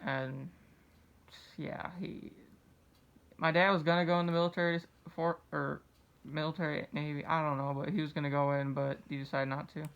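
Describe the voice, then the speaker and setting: A young American man interviewing in a casual, halting way, feeling his way through questions. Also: fairly high pitch, little pitch movement, creaky, fairly bright tone, clean tone. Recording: slightly dull, muffled sound.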